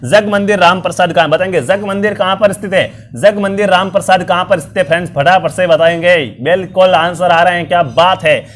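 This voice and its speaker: A man's voice: sits high, steady tone, fairly quick, few pauses. A young man, his voice strained and worn, teaching a live online quiz class and quizzing students over and over in an upbeat way. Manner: repetitive, upbeat quizzing with frequent fillers. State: strained, worn voice from illness and long talking. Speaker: online exam-prep teacher.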